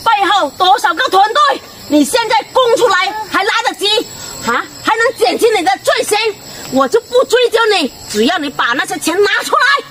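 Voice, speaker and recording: A woman playing a frantic robbery victim in an amateur skit, accusing and shouting at a stranger. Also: extremely high pitch, sing-song, moderate pace, a little hiss or hum, heavily acted. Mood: furious. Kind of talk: amateur comedy skit acting. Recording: background music over voice.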